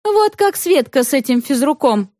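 A woman's voice: high voice, big pitch swings, moderate pace, warm tone, dry recording, clean studio sound, voice pushed up. A woman reading the lines of a weary, stern mother in a story, speaking firmly and reproachfully. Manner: firm, reproachful.

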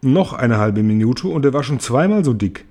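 A man reading a children's story aloud as audiobook narrator, in an expressive storytelling manner. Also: mid-range voice, normal speed.

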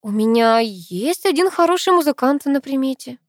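Female reader plays a flustered young heroine, squeaky and high, storybook audio. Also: animated, normal speed, no echo, clean studio sound. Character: nervous young woman, the narrator, bad at lying.

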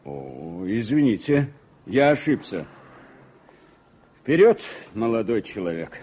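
A man playing a shrewd, self-assured police detective in an old radio play, with brisk, clipped delivery. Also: fairly low pitch, sing-song, warm tone, husky, heavily acted. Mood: brisk, commanding. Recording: dull, band-limited old radio recording.

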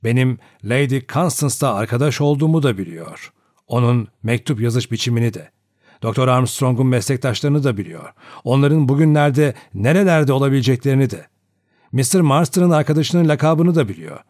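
A man voicing an elderly judge who speaks in a cold, deliberate and authoritative way, in an audiobook. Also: mid-range voice, lively intonation, darkish tone, no echo, studio quality, natural voice. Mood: grave. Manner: measured, deliberate. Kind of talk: audiobook character voice.

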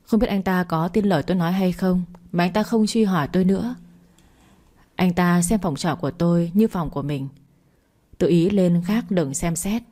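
A woman narrating a first-person story at a steady, even storytelling pace. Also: on the low side, moderate pace.

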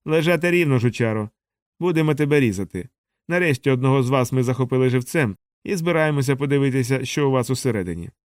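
A man's voice: medium pitch, expressive, fast, no echo, clean studio sound, lightly acted. A man voicing a cruel, bullying older boy who taunts and threatens his younger brother. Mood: taunting.

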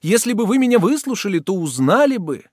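A man reading as a young noble lady in an audiobook, pitched far above his own voice. She pleads in alarm, her high voice rising and falling a lot. The recording is dry and close. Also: sing-song, brisk, darkish tone, dry recording.

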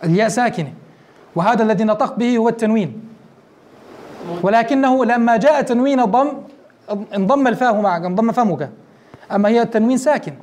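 A man's voice: extremely high pitch, fast talker, long pauses, a little mellow. A man, a sheikh, teaching a grammar lesson to a class, explaining step by step and asking his students questions.

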